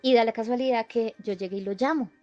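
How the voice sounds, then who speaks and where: Woman, personal testimony, halting conversational delivery, faint music behind. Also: fairly high pitch, mellow, lo-fi sound. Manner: conversational, with restarts and repeated phrases. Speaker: guest giving a testimony. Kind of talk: emotional personal storytelling.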